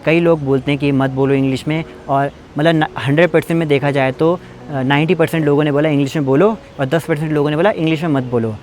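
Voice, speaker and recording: A man's voice: a little high, fairly even intonation, fast talker, a little mellow, soft background music. A young man from Uttarakhand, vlogging in a casual, chatty way while walking outdoors in hill country. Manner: chatty, leaning on fillers and loose restarts.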